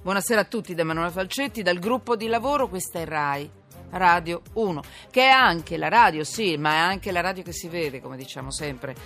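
Fairly low but bright, a woman's animated voice moves a little fast as she hosts live current affairs radio from the studio over soft background music. Her style is informal and emphatic, full of digressions and repetitions, picked up by a studio broadcast mic.

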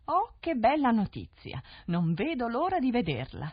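An envious stepmother, as a woman plays her, gushes with syrupy, two-faced sweetness, lilting upward in a husky tone. It is an old radio fairy tale with dull, dry sound. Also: on the high side, wildly swooping pitch, moderate pace, no echo, pitched above the performer's own voice, full character voice. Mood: falsely sweet. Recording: dull dry 1970s radio studio recording.

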